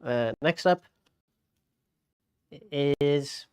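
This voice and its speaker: A bingo host calling a live game in a casual, unscripted way, with hesitant, halting delivery. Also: medium pitch, darkish tone, clean tone.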